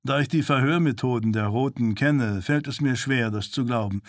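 A man's voice: mid-range voice, moderate pace, dry recording, clean studio sound, close to an everyday voice. A man playing a stern commanding officer. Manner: curt, authoritative.

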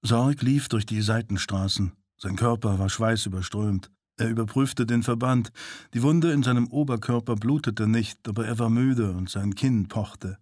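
A man reading a thriller audiobook in measured, even storytelling narration. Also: medium pitch, no room sound, clean studio sound. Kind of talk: scripted narration.

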